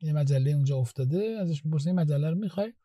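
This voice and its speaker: Mellow-voiced man teaching English grammar. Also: fairly high pitch, dry recording, studio quality. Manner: reads English examples slowly, then translates and explains. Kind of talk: grammar lesson explained in Persian.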